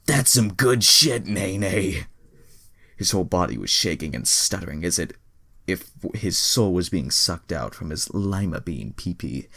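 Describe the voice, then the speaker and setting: Here a man with a low, gravelly, fairly bright voice reads fan fiction expressively at a normal speed, with no room sound. He breaks off often into casual, sweary asides, clearly exasperated by what he's reading.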